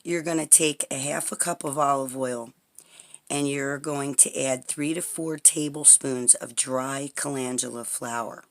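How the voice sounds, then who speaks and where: A woman with a raspy, very deep voice hosts a casual home tutorial, demonstrating an herbal salve recipe. She's chatty and rambling, often checking in with "okay?", while the camera points at the tabletop and she stays off-frame.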